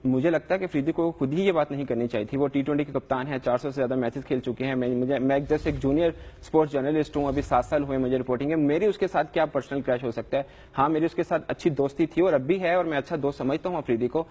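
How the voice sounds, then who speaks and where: A man's voice: mid-range voice, few pauses, warm tone, slightly rough, long reverb tail. A young adult man, a sports reporter, answering questions in a live news interview in an earnest, defensive way with frequent hesitations.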